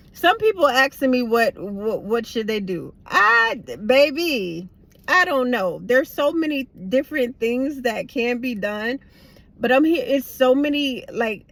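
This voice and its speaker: Lisping woman chatting, retainers in. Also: fairly high pitch. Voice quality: slight lisp from wearing retainers. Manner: rambling, blunt, slangy. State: tired. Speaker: vlogger. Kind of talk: casual, candid chat to viewers. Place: inside a parked car.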